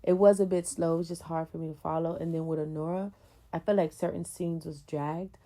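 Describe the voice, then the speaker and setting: A woman talking casually about a film on a podcast, lively, acting out scenes in raised voices and filling pauses with mm-hmms. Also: low-pitched. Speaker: podcast panelist.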